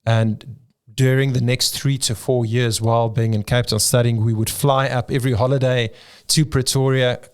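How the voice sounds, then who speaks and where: In an interview, a middle-aged South African man who plants churches and pastors, and who grew up speaking Afrikaans, recounts his story with many ums and restarts. He speaks at normal speed in a smooth, medium-pitched voice with little pitch movement.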